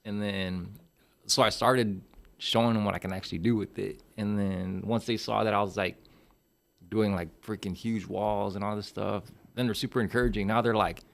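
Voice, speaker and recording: A man in his late thirties who grew up on Guam talks casually as a podcast guest. His voice sits low with a gravelly fry running through it. He keeps an unhurried, easygoing manner. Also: steady tone. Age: 30s. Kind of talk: casual chat. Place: podcast studio.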